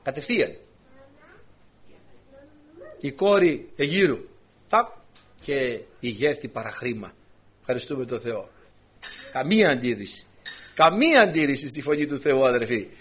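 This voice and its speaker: A man's voice: medium pitch, sing-song, long pauses, a bit bright, breathy edge. A man preaching a sermon with passion. He asks the congregation rhetorical questions and keeps calling them brothers. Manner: impassioned, rhetorical questions, often addresses listeners as brothers.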